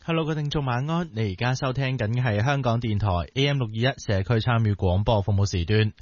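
A man's voice: medium pitch, fast talker, darkish tone, no echo. Man doing a formal radio station announcement. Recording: dull lo-fi radio broadcast.

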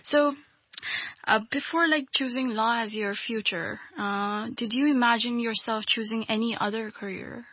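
A woman's voice: fairly high pitch, steady tone, normal speed, a bit bright, slightly rough, dry recording. A woman hosting a community interview show, greeting listeners and her guest in an upbeat, encouraging way. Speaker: podcast host. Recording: dull lo-fi audio with music behind. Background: music.

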